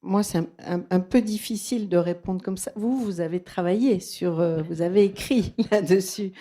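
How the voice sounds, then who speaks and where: An Argentine woman and native Spanish speaker with a Toulouse French accent, this psychoanalyst speaks in a fairly low, mellow voice at a moderate pace. At a bookshop talk she gives a thoughtful, hesitant personal account.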